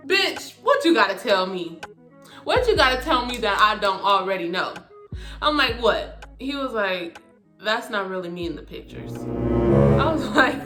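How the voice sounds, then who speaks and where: A woman in her twenties telling a casual storytime on her phone, animated and slangy, laughing often as she acts out both sides. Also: medium pitch. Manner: slangy, profane and conversational. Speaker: vlogger. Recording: roomy sound with music behind.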